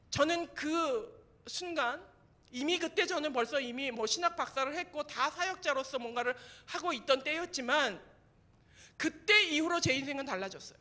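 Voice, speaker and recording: Woman pastor, fifties, sermon, high voice, bright tone, emotional testimony, forceful to hushed. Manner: emotional, swings from forceful to hushed near-whisper; tells personal testimony.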